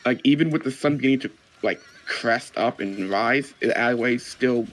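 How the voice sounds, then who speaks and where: A man's voice: medium pitch, normal speed, a bit bright. A man narrating a tabletop role-playing game as dungeon master, describing scenes loosely with many fillers.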